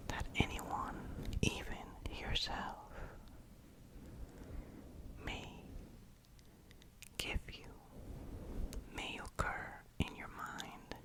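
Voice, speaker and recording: A person giving a fully whispered, breathy ASMR pep talk of soothing affirmations for sleep, in short phrases with pauses, close to the microphone. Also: very high voice, rough recording. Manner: slow, pausing between short phrases. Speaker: ASMR host. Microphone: close fluffy-covered microphone.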